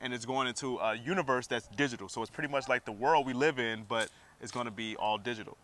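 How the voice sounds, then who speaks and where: Male co-host, casual, bright and forceful, keen to explain. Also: mid-range voice, fast talker. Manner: enthusiastic, explanatory, laughs easily. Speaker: podcast co-host. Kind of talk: casual chat.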